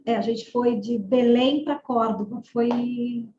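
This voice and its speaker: A woman's voice: fairly high pitch, steady tone, slow, dark tone. A woman from northern Brazil, a guest, chatting casually and describing things with small hesitations. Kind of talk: casual chat. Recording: dull echoey room recording with faint noise.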